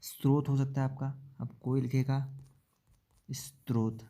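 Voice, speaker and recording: A man teaching an exam-prep spelling lesson, explaining slowly, repeating words and asking checking questions. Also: medium pitch, monotone, warm tone. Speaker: Hindi teacher.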